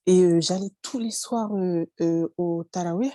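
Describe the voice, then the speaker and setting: A woman's voice: lowish voice, unhurried, warm tone, no echo. A woman in her twenties giving a hesitant, emotional personal testimony, often apologizing and restarting.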